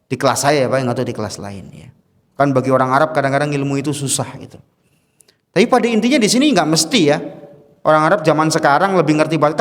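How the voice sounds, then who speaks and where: Chatty male religious teacher, reverberant hall. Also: on the high side. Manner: chatty, asks the audience questions, chuckles often. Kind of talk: casual mosque study lecture.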